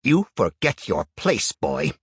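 A man voicing a haughty booming clan arbiter. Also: big pitch swings, unhurried, a bit bright, slightly rough, no room sound, clean studio sound, heavily acted. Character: pompous haughty middle-aged male clan arbiter.

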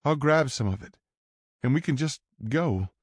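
A man's voice: on the high side, animated, moderate pace, dry recording, studio quality, voice pushed up. A man voicing a desperate, fierce young woman who urgently pleads with her brothers to run away. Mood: urgent pleading. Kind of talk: audiobook character voice.

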